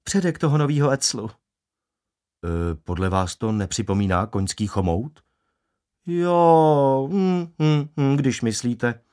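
A man's voice: mid-range voice, lively intonation, darkish tone, clear, resonant tone, voice pushed up, close to an everyday voice. A man voicing a blunt, coarse small-town barber in an audiobook, crude and outspoken. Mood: scornful. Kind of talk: audiobook character voice.

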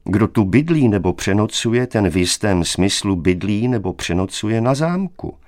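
A man's voice: on the low side, lively intonation, darkish tone, close to an everyday voice. A man voicing an arrogant, scornful young man who speaks for the castle, in a reading of a story. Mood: officious. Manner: haughty, scornful, raises voice. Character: arrogant young male castellan's son.

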